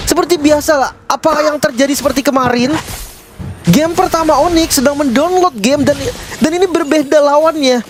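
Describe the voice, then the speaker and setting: A man's voice: extremely high pitch, noisy background. A man giving casual, colloquial analysis as co-commentator on a live esports match. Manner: colloquial, repeats short agreeing phrases.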